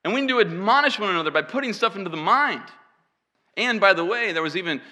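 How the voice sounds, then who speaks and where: A man's fairly high, pushed and bright voice rings out as he preaches an expository sermon to a congregation. He speaks emphatically, with self-deprecating asides, in a church hall with an audience, and the recording has long hall reverb.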